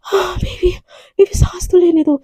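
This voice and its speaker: A woman's voice: very high-pitched, steady tone, normal speed, dark tone, no echo, clean studio sound, pitched above the performer's own voice. A woman voicing an upset young woman arguing and pleading with her girlfriend in a storybook romance.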